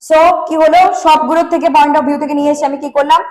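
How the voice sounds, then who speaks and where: A woman with a Bengali accent teaches an online exam-prep lesson in a high voice, speaking quickly. She keeps asking questions and answering them herself. She drives her points home by repeating them with emphasis. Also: steady tone, a little mellow, poor audio. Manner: repetitive, emphatic.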